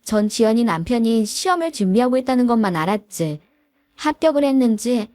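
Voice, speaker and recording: Lively middle-aged woman telling her story. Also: on the high side, brisk, no echo. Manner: confessional, dramatic, shifts into angry shouting in quotes. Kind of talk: scripted first-person story narration.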